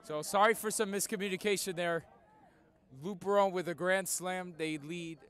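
A man doing live play-by-play baseball commentary outdoors like a radio announcer, with drawn-out, emphatic calls. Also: high voice, steady tone, a bit bright, clear, resonant tone. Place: outdoors at a school baseball field.

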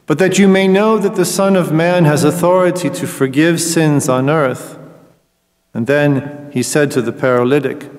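A middle-aged man, a priest, reading scripture aloud in a slow, measured, solemn way at a lectern in a large church. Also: on the high side. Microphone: lectern microphone. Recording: long church reverb.

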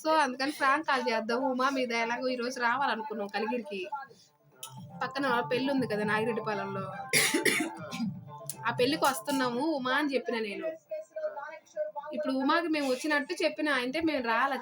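A woman's voice: fairly high pitch, quick pace, over loud music. A woman with a Nellore-region Andhra Telugu accent chatting casually like family, as a prank-calling vlogger.

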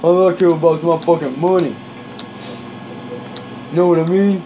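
A man chatting casually while playing a trucking game with a friend, rowdy, swearing a lot, with loud excited outbursts. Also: fairly high pitch, normal speed, noisy background.

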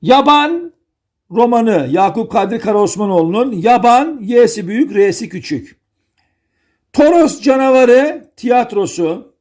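High-voiced, lively male teacher. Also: measured pace. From Turkey, Denizli. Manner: playful, repeats key words and spells out rules. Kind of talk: online grammar lesson.

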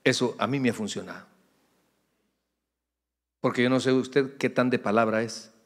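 A middle-aged pastor preaches a sermon at a mid pitch. He talks to his congregation conversationally and drops humorous asides. A long reverb from the church hall trails his voice. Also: steady tone, normal speed. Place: church sanctuary.

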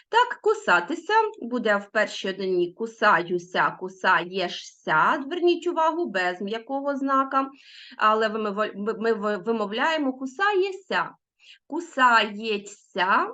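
A middle-aged woman teaching a recorded language lesson, drawing out example words slowly and stressing them. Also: a little high. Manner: lively, drawn-out word stressing. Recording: dull lo-fi sound.

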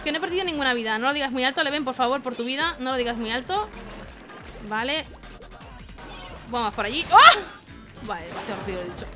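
A woman from giving excitable let's-play commentary, shrieking and laughing as she plays. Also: high-pitched. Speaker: gaming YouTuber. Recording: game music loud under the voice. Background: game music.

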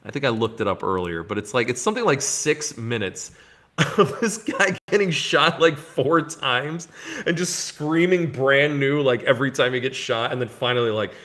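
Guy hosting a chill movie podcast, super animated, voice bouncing up and down a lot. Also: mid-range voice, moderate pace. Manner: animated storyteller acting out scenes. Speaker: podcast host. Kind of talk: casual movie-talk podcast chat.

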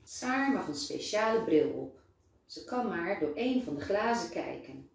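A kindergarten teacher, a woman, reads a children's story aloud with a slow, lively rise and fall in her voice. Her tone is mellow and soft. The recording is distant, in a room with a strong echo. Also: lowish voice, gravelly. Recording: very echoey room, voice far from mic.

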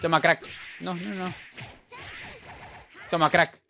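A man with a Spain Spanish accent giving excitable, teasing commentary over his own online fighting-game matches. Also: on the high side, slow, creaky, slight background noise. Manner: excitable, teasing, frequent "tío". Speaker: gaming YouTuber. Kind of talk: live gameplay commentary.

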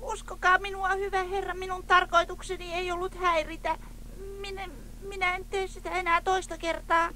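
Pinocchio, a bright, naive wooden boy. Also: high voice, animated. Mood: pleading. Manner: innocent, childlike, easily fooled. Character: naive wooden puppet boy, cheeky then frightened. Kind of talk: storybook cassette acting.

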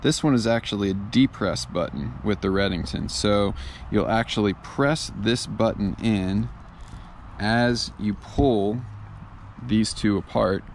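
Gravelly man explaining fly rod setup. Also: fairly low pitch, slow pace, a little hiss or hum. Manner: relaxed, filler-heavy step-by-step explaining. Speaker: fly fishing instructor. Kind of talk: casual how-to tutorial. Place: outdoors on a lawn.

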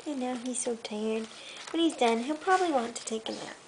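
A young mother with a fairly high, brisk voice reads a picture book aloud to her toddler at bedtime, chatting in a sing-song, coaxing way. She sits on the carpeted living room floor, captured by a handheld camera a short distance away. The home camcorder sound is noisy, with handling clicks.

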